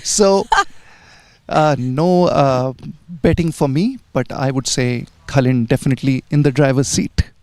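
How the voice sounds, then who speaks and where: A man working as an on-course golf commentator, talking in a conversational, informative way and pausing to find words. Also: medium pitch, fairly even intonation, a little mellow, dry recording. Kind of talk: live sports commentary chat.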